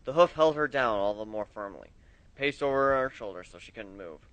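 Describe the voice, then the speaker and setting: A man reading fan fiction aloud, expressive, his loudness rising and falling with the story. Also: fairly low pitch, normal speed, no room sound, low-quality recording.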